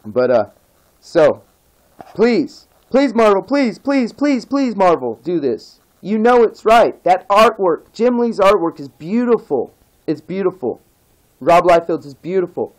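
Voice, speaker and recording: A vlogger who grew up in the nineties rants to camera, very animated but at a measured pace, and the audio is poor. He keeps pleading and hammering his points, his pitch climbing whenever he begs.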